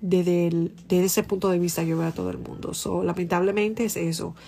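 A woman's voice: fairly low pitch, steady tone, moderate pace, vocal fry, warm tone. A woman hosting a casual livestream, speaking passionately and emphatically while addressing her viewers directly and answering their comments. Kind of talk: casual live chat.

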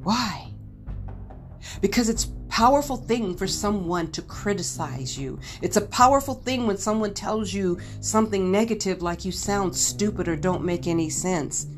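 A middle-aged woman speaks alone on her podcast, telling her own story in a candid, earnest and reflective way. Her voice sits at an ordinary middle pitch. Soft music plays quietly under her words. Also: animated, moderate pace. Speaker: podcast host. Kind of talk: personal storytelling monologue.

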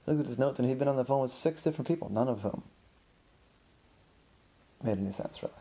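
A story podcast host makes up a tale on the spot, rambling casually and chatting, and performs characters' comments with an exasperated air. His voice is medium-pitched, mellow and slightly breathy, and he talks at a quick pace.

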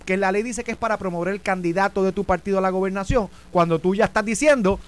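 A middle-aged man with a Puerto Rican accent hosting a political talk show, animated and argumentative. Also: high-pitched, quick pace. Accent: Puerto Rican Spanish. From Puerto Rico. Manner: animated and argumentative, talks over his co-host. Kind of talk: political commentary chat. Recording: faint background hum.

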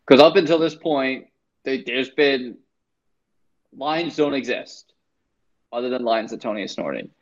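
A man's voice: mid-range voice, measured pace, long pauses, lo-fi sound. A man in casual chat, animatedly retelling a film plot with emphatic recaps.

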